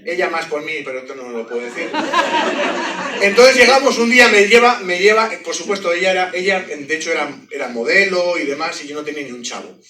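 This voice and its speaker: A man's voice: on the high side, fast talker. A man giving his testimony as a sermon, telling it with jokes and sound effects. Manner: animated, joking storyteller with sound effects. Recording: echoey hall, mic from a distance.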